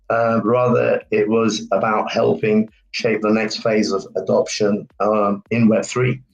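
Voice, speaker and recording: A man with a croaky, hoarse voice, a marketing lead giving prepared remarks in a steady, measured way. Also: medium pitch, low-quality recording. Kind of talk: prepared community update remarks.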